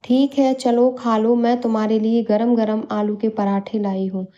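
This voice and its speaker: A gentle middle-aged mother, as a woman storyteller puts her on, coaxing her daughter with soft questions. The voice is mellow and a little high, and the recording sounds muffled and lo-fi. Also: flat delivery, unhurried, natural voice.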